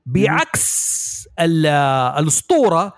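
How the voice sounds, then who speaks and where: A man hosting a podcast, explaining ideas in a lively way and asking his guests for their views. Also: on the high side, slow, no room sound, studio quality. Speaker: podcast host. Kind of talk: casual podcast discussion.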